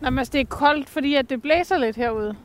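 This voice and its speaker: A woman, bantering casually with friends outdoors in a blunt, questioning way. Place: outdoors by the water. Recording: outdoor ambient noise, vehicle rumble.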